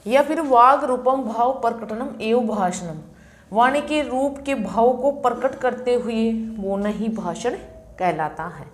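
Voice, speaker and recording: There's slight background noise as a confident woman with a fairly high voice teaches Sanskrit exam tricks. During this exam-prep lecture, she repeats essential terms slowly for students to memorise.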